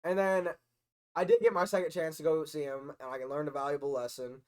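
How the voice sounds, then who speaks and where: A young man chatting as a podcast guest, his voice a bit higher than most. He tells a long rambling story, getting loud whenever he breaks into laughter. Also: fairly even intonation, a little fast. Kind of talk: casual chat.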